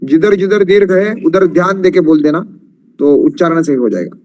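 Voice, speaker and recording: A man teaching an online Sanskrit class, patiently explaining grammar rules and slowly chanting verses with long drawn-out vowels. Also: on the high side, a little mellow, highs cut off.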